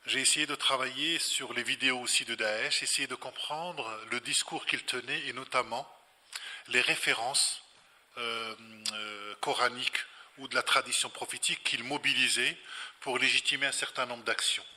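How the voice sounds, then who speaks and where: In an echoing hall, an invited scholar answers a question at a public talk without a script, reflecting and instructing while repeating phrases for emphasis. His medium-pitched voice is steady, bright and forceful, at a moderate pace.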